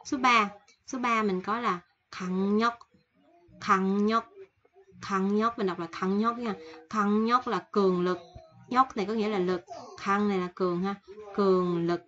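A woman with a cold teaching Korean vocabulary in a casual online lesson, slowly repeating and explaining each word from a list. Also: mid-range voice, fairly bright tone, highs cut off. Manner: slow repetitive explaining, reading word lists. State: has a cold.

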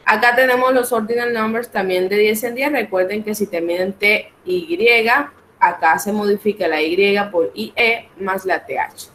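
A woman's voice: mid-range voice, normal speed, few pauses, a bit bright, slight background noise, poor audio. A woman teaching English numbers in an online class, explaining each step patiently and inviting her students to answer aloud over the call.

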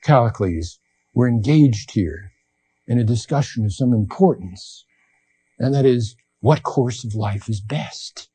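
A man voicing an earnest old male philosopher who coaxes a rival into discussion, in a mellow voice. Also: medium pitch, animated, measured pace, breathy edge, no room sound. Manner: earnest, coaxing.

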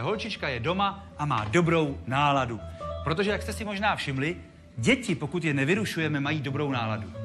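A man giving a lively storytelling talk to a live audience, joking and acting out the characters. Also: fairly high pitch. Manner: animated, jokey, acts out the characters. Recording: music playing behind.

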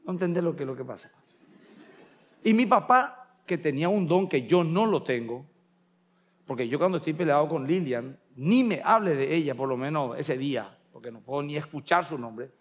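Middle-aged male Paraguayan pastor, sermon delivery, storyteller, slightly raised pitch. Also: expressive, normal speed. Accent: Paraguayan Spanish. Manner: storytelling, acting out family voices in quotes.

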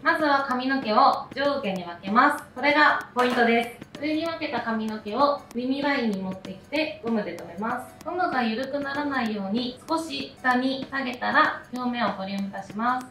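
Echoey distant woman giving hair steps. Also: on the high side. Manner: plain, even, instructional. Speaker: hair tutorial narrator. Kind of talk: calm step-by-step voice-over instruction. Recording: echoey room, a bit distant from the mic.

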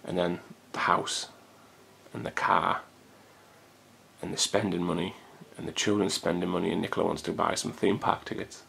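Low, gravelly man rambling. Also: fairly even intonation, moderate pace, fairly bright tone. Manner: rambling, chatty, swears casually. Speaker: vlogger. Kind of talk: casual chat to camera. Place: hot room at home. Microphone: camcorder built-in mic.

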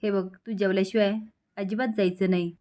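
A grieving middle-aged mother speaks with warm, coaxing tenderness, as a woman narrator reads her part. The voice sits at an ordinary mid pitch. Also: fairly even intonation, a little fast, lightly acted. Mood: tender.

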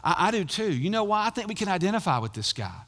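A middle-aged pastor, preaching a sermon that swings between loud emphatic bursts and hushed, intense asides. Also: male voice, high-pitched, big pitch swings, fast talker, long reverb tail.

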